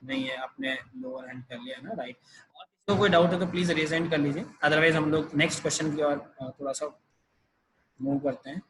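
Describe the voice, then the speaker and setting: A man's voice: a little high, fairly quick, a bit bright, slight background noise, poor audio. A man teaching a math class over a video call, explaining each step patiently. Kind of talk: online math lesson.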